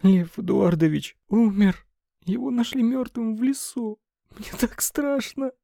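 A man voicing a timid young woman secretary who sobs and wails in a high, plaintive voice. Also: moderate pace, dark tone, no echo, studio quality. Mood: tearful, frightened. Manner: sobbing, plaintive, high-pitched.

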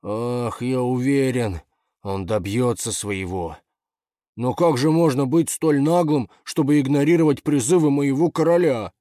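A man's voice: mid-range voice, unhurried, warm tone, no room sound, clean studio sound, voice pushed up, close to an everyday voice. A man voicing a weary, melodramatic young male servant who wails theatrically in a storybook reading. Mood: fawning. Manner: theatrical wailing. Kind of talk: audiobook character voice.

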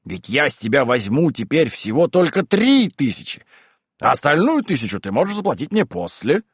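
A man voicing a boisterous, rude male landowner who shouts and bullies in an audiobook reading. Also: a little high, very animated, normal speed, husky, dry recording, clean studio sound, exaggerated voice. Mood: blustering. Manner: shouting, blustering, pushy.

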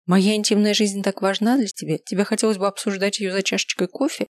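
A woman's voice: level tone, fast talker, no echo, lightly acted. A woman doing a tearful, bitter young woman. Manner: strained, tearful and high.

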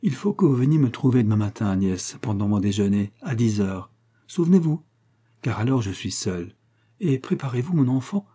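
Man playing an old aristocratic lady, effusive, commanding, husky. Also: fairly low pitch, mellow. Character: elderly aristocratic lady, warm, imperious, impulsive.

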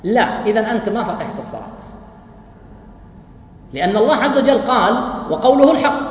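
A man preaching, talking quickly and swinging his pitch up and down. He keeps the lecture lively, throws rhetorical questions at the audience and chuckles lightly between points. His voice rings through a very echoey hall with a long tail and a faint hiss.

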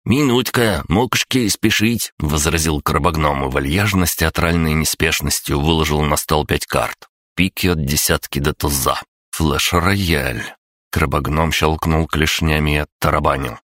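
A man narrating a first-person fantasy audiobook with a wry, even delivery. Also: extremely low pitch, moderate pace, dry recording, clean studio sound.

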